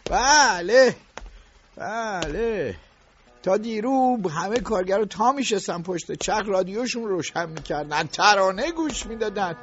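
A domineering middle-aged factory owner in a radio drama, speaking in a strikingly high, bright voice. He is quick-tempered and sarcastic with his workers. The recording sounds dull and lo-fi. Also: lively intonation, faint music behind. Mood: brooding. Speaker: factory boss. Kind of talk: audiobook radio drama acting.

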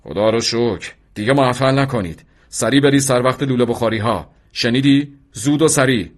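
A man's voice: mid-range voice, fairly bright tone, pitched above the performer's own voice, close to an everyday voice. A man voicing an anxious, commanding male senior officer who speaks over the radio, insistent and raised. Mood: urgent. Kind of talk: radio drama reading.

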